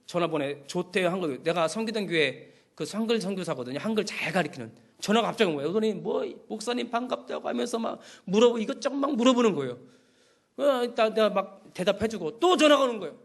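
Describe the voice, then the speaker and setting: A middle-aged man with a high voice preaches from the pulpit. He tells stories and acts out phone calls in an animated way. His voice rises and falls often as he goes. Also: quick pace. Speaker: pastor. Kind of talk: sermon.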